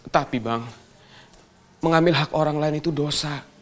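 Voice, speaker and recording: An actor playing a timid, devout younger brother in a TV soap who stammers and pleads. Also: male voice, on the high side, moderate pace, lightly acted. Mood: pleading. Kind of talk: TV soap acting.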